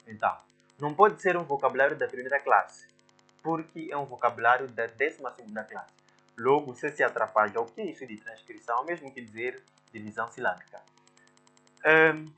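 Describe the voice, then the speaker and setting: A man talks through exam answers like a teacher, breaking words into syllables one at a time. His voice is bright and forward. Faint music plays under him. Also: medium pitch. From Mozambique. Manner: explains step by step, sounding out syllables. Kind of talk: exam walkthrough lesson.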